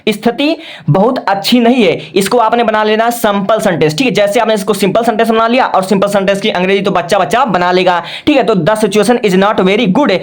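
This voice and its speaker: A man's voice: high-pitched, quick pace. A male teacher giving a patient, step-by-step lesson, often checking in with "okay" and spelling words out letter by letter. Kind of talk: classroom-style lesson.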